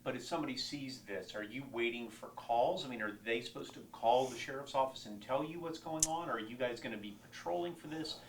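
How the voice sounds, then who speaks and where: A man's voice: medium pitch, brisk, hardly any pauses. Guy interviewer, casual questions, mid voice, bit off mic, slight noise.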